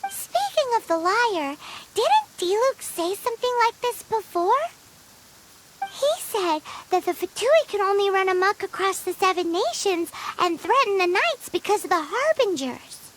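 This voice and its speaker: Paimon, a squeaky fairy. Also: female voice, big pitch swings, measured pace, slight background noise, heavily acted. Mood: puzzled. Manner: squeaky, bouncy, teasing. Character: tiny floating female fairy companion, cheeky and food-loving. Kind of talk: video game voice acting. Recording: game cutscene with loud music.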